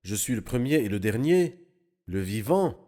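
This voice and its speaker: A man explaining Bible passages in an animated, teaching manner during a studio discussion. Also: fairly low pitch, moderate pace.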